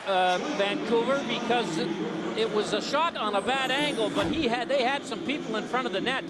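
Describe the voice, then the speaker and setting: A man's voice: high voice, very noisy. A man giving colloquial, explanatory analysis as a hockey color commentator. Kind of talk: live sports commentary, analysis.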